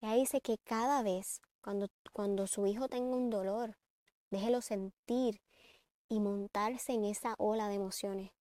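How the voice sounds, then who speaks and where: A woman's voice: mid-range voice, normal speed, few pauses, dry recording. A woman giving earnest parenting advice in a reflective talk. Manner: earnest, advising, shifts between calm and emphatic. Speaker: parenting speaker.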